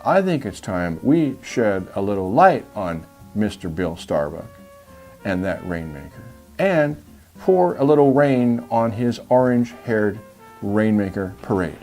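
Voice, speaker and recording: A man's voice: on the low side, sing-song, unhurried, warm tone, faint music behind. A man co-hosting a comedy show with showy, mock-serious banter. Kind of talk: comic banter.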